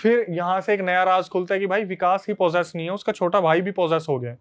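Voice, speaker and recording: A man hosting a podcast, telling a story to his friends in a casual, animated way. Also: high voice, fast talker. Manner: animated, conversational retelling to friends.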